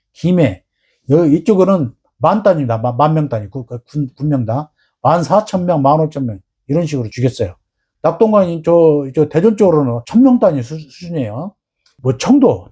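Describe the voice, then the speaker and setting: A man's voice: a little high, dark tone, husky. A man giving solo political history commentary, emphatic and full of rhetorical questions, sometimes acting out quoted exchanges. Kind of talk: solo lecture-style commentary.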